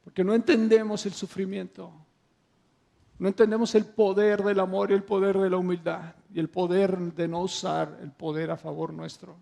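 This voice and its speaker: A man's voice: high-pitched, little pitch movement, moderate pace, vocal fry, warm tone. A man preaching a sermon with impassioned, emphatic swells and rhetorical questions to the congregation.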